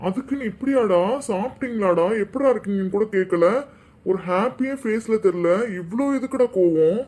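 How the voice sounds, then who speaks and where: A young cartoon son with a fairly high voice and a Tamil Nadu accent, voiced by a man. He coaxes and pleads with his mother in a playful, affectionate way. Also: brisk, darkish tone, natural voice. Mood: puzzled. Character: cheerful grown son returning home, young man. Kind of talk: cartoon voice acting.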